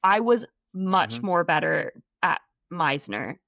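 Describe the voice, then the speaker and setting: A woman's voice: fairly low pitch, sing-song, slow pace, gravelly, a bit bright, dry recording. A woman in her thirties with a mixed Scottish and American accent, chatting casually as an interview guest, full of "like" and "um". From North East Scotland. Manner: chatty, many "like" and "um" fillers. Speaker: guest actress. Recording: dull lo-fi sound.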